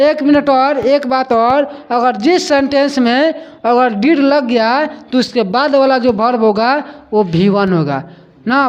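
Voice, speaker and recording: A man teaching grammar to a class at a slow, deliberate pace, his voice sitting high for a man. He repeats each example and keeps checking that students follow. The classroom recording sounds dull and lo-fi. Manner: slow and repetitive, drilling students with questions.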